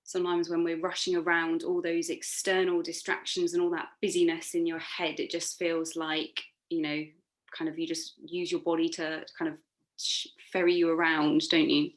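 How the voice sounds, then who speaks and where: A woman's voice that sits low leads a guided relaxation meditation as a yoga instructor, moving at normal speed. She sounds flat yet soothing, with unforced, gentle encouragement.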